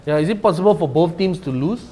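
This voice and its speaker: Higher-voiced Malaysian man casting esports. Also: fast talker, warm tone. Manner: colloquial, uses 'lah' particles. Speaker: esports tournament caster. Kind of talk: casual bantering esports commentary.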